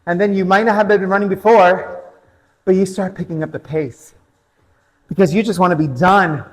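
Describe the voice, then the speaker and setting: A man's voice: sits high, fairly even intonation, moderate pace, long reverb tail, poor audio. A man coaching an indoor cycling class, telling a personal race story between motivational interval cues and countdowns.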